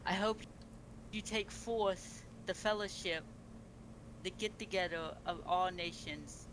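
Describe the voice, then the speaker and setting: Speaking slowly in a high voice, a man voices a pregnant beast-woman empress greeting guests at her feast during multiplayer role-play. The speech is formal, grand, and stately, with several restarts, over noisy game chat.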